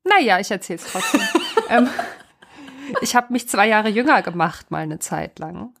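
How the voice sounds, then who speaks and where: A woman's voice: mid-range voice, a little slow, gravelly, breathy edge. A woman in her thirties co-hosting a casual podcast, telling stories with lots of laughter. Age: 30s. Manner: animated storytelling, laughs often, mimics voices. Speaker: podcast co-host. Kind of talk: casual chat.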